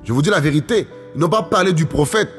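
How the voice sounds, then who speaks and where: A man's voice: on the high side, lively intonation, fast, fairly bright tone. A man preaching a sermon emphatically, repeating phrases and calling out to his listeners. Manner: emphatic, repetitive, often calls out to listeners. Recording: faint music, long hall reverb.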